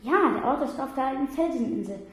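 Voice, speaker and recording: A woman's voice: high-pitched, lively intonation, fast talker, pitched above the performer's own voice. A woman voicing a curious old man who studies secret scripts, murmuring in an echoey room.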